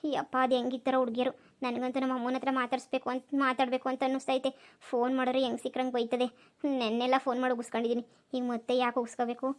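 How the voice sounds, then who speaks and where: A woman playing a homesick young village husband who talks in a quiet, grumbling way, in a comedy skit. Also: flat delivery, racing, natural voice. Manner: low-key, grumbling, quiet.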